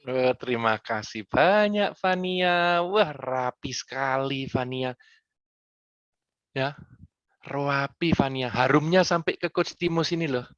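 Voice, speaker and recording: A man's voice: mid-range voice, takes it slowly, clear, resonant tone, no echo. Playful man on a muffled video call. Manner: playful and animated, mixes in English phrases. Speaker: guest speaker answering students' questions. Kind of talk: lively Q&A on a school video call.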